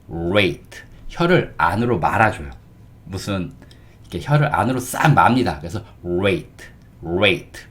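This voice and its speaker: With a fairly low voice, this man teaches a relaxed English lesson in a slow, drawn-out way, frequently checking that the listener is following.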